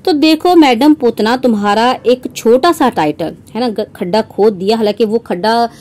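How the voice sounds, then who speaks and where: A woman's voice: fairly high pitch, moderate pace, darkish tone. A young woman reaction vlogger talking straight to her viewers, mocking and sarcastic, often tagging her lines with a rhetorical question. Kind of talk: scornful commentary to viewers.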